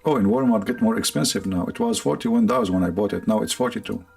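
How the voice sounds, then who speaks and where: A low, gravelly voiced man with an Arabic accent hosts a casual stream, rambling and sarcastic, breaking into laughs. Faint music plays behind him. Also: expressive, fast talker, darkish tone. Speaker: livestream host. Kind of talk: casual joking monologue.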